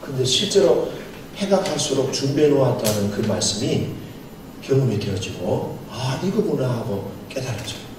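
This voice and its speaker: In a medium-pitched, sing-song voice at ordinary speed, a middle-aged man preaches a seminar sermon as a pastor. Storytelling drives his delivery; he voices the dialogue and chuckles a lot. Faint noise and strong hall echo surround him, captured by a distant microphone.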